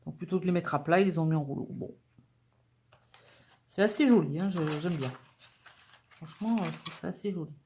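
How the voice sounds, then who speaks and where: A woman's voice: fairly low pitch, a little fast, pauses often, mellow, breathy edge. A woman vlogger chatting casually to camera as she unpacks a craft-supply haul, upbeat and full of little fillers. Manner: chatty and enthusiastic, with many fillers.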